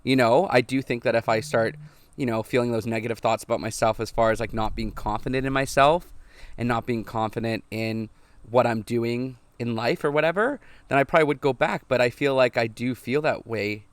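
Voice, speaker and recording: A man's voice: mid-range voice, brisk, clear, resonant tone, dry recording. Candid young man, dry close sound. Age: 20s. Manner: candid, reflective, heavy on "like" fillers. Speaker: podcast co-host. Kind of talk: casual chat.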